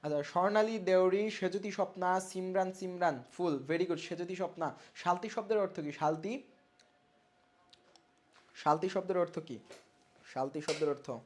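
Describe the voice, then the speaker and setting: Online tutor, mid-pitched, quizzes viewers and drills answers by repetition. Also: normal speed, long pauses. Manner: drills answers by repeating words over and over; quizzes viewers and reads out their names from comments. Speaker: online exam-prep teacher. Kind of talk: live online revision class.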